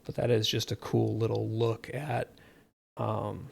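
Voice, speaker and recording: Casual man commentating a game, gravelly edge. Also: fairly low pitch, flat delivery, unhurried, a little mellow. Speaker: gaming streamer.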